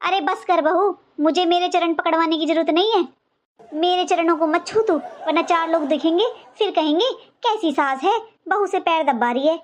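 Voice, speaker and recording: Woman voicing a cartoon mother-in-law, older, very high voice, sarcastic, nagging, taunting. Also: moderate pace. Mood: sarcastic scolding. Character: sharp-tongued scolding older mother-in-law. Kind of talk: cartoon voice acting.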